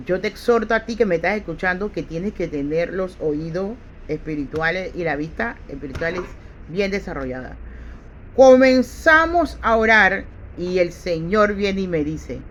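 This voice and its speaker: A woman preacher tells her testimony as a sermon. Her mid-range voice surges into loud bursts, then drops to hushed low tones. The recording is dull and lo-fi, with a faint hiss behind her.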